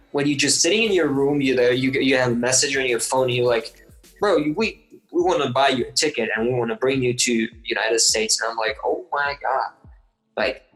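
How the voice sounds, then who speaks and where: A man's voice: mid-range voice, fairly bright tone, rough recording. Eager young man telling stories. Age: 20s. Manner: eager storytelling, full of likes and restarts. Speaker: guest athlete. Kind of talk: casual interview chat.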